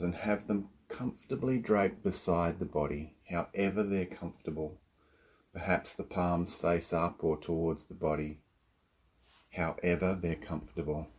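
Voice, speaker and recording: His voice sits low as he leads a guided relaxation in the role of a yoga nidra teacher. He stays calm and soothing, allowing long pauses between cues.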